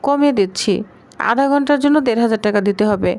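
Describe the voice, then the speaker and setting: A woman's voice: on the high side, fast, darkish tone, lightly acted. A woman reading the lines of a mischievous young sister who teases her brother and haggles with him.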